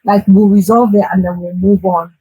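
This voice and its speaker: A woman guest in a casual podcast chat, speaking in a relaxed, matter-of-fact way. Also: medium pitch, normal speed, slightly rough, no room sound, phone-quality sound.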